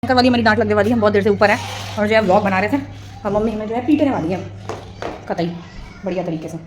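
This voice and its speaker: A young woman vlogging her day at home and at her coaching class, teasing and scolding family members in a lively, playful way, filmed on a handheld phone. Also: medium pitch, racing. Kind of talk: casual daily vlog narration. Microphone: phone camera, handheld. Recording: loud background noise on phone recording.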